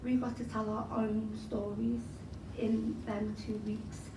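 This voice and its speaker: A young spoken word poet from Liverpool, whose first language was Arabic, answers interview questions chattily in a Scouse accent, full of fillers and you-knows. Her fairly high voice is flat, and she takes her time. She's recorded from a distance in a large, roomy event hall with noise.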